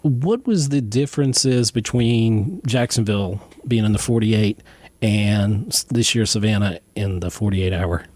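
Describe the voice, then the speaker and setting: A man hosting a radio interview, asking questions in a halting, friendly way with many fillers. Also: on the low side, a little mellow, no room sound. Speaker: interview host.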